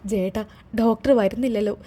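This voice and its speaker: A woman's voice: mid-range voice, steady tone, fairly quick, dark tone, lightly acted. A woman voicing a distraught middle-aged mother-in-law who pleads tearfully.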